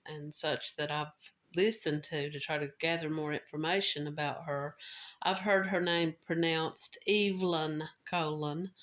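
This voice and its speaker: A woman's voice: deep voice, a bit bright. A woman hosting a true crime podcast, telling the story in a casual, conversational way with restarts and filler words.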